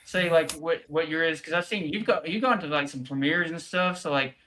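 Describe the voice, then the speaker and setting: A man co-hosting a livestream review, talking in a casual, hurried way with many fillers over a video call. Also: a little high, pushed and bright, a little hiss or hum. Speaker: co-host.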